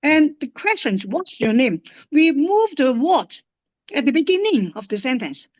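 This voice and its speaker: A woman from Hong Kong with a Hong Kong English accent, a guest linguist in a casual interview, speaking haltingly with many fillers and restarts. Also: sits high, big pitch swings, no room sound, lo-fi sound.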